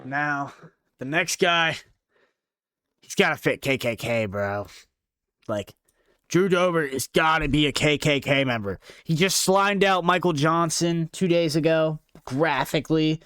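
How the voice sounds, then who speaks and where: A young man giving casual, profane commentary, full of slang and quick laughs. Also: fairly high pitch, fairly bright tone, clear, resonant tone, no room sound, studio quality. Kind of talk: casual commentary ranking fighters.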